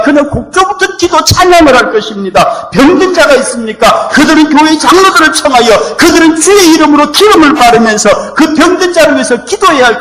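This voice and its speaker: A male pastor preaching a sermon in a lively, emphatic and playful way. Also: very high voice.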